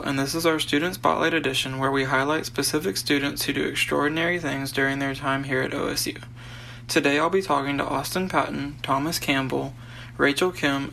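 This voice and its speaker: A man's voice: on the high side, creaky, sharp tone, slight background noise, low-quality recording. A young man hosting a student interview, informal and friendly, often saying "y'all".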